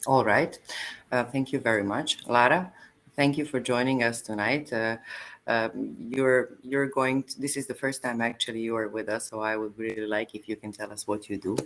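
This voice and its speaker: A woman hosting an online meetup over a video call, speaking haltingly with many fillers and restarts. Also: a bass voice, fairly even intonation, poor audio. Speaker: meetup host.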